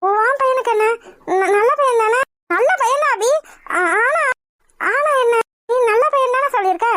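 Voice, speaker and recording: A woman's voice: very high voice, moderate pace, a bit bright, no room sound. A woman with a Tamil accent voicing several characters in a cartoon, scolding and bickering.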